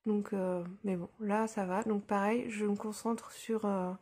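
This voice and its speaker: A young woman casually talking through a makeup tutorial, relaxed and hesitant with lots of fillers, recorded on a phone at home. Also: mid-range voice, a little slow. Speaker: beauty vlogger. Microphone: phone camera.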